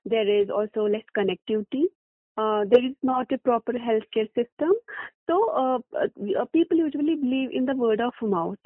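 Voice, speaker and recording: Woman, Kashmiri accent, slightly high voice, halting interview answers, hesitant, thin telephone sound. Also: no echo. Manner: hesitant, halting, with very frequent pauses and fillers. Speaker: freelance journalist being interviewed. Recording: phone-like, thin telephone line.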